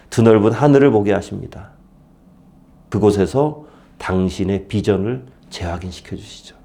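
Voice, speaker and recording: Middle-aged male pastor, sermon delivery with a lot of pitch swing, and he briefly acts out complaints in a raised voice. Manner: lively preaching, acting out complaints in a raised voice.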